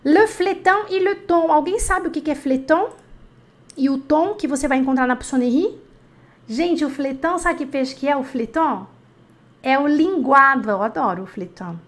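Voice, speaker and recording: Woman teaching online, high voice, chatty, keeps asking the class stuff and repeating words slow. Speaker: French teacher. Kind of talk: live online lesson.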